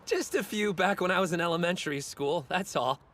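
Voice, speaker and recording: A man's voice: high-pitched, a little fast, a bit bright. A man voicing a short, fiercely determined teenage sumo wrestler in an anime dub, blunt and confident. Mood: steady.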